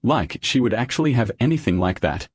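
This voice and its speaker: Husky, wry male recap narrator. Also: mid-range voice, expressive, fairly quick. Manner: slangy, wry storytelling. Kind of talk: casual story recap narration.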